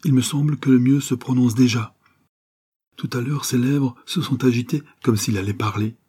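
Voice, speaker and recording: A man reading as an anxious middle-aged mother, urgent and hopeful. The voice is lifted slightly but stays dark and husky, in a spoken story. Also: medium pitch, fairly even intonation, moderate pace, voice pushed up, close to an everyday voice.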